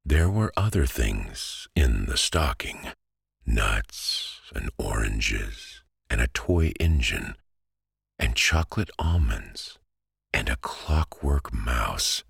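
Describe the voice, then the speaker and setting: A man with an extremely deep, husky voice reads a bedtime story to send listeners to sleep. He speaks slowly and soothingly in a hushed way, with a gravelly creak. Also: no room sound, clean studio sound. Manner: slow, calming, hushed delivery. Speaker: podcast host and sleep story narrator.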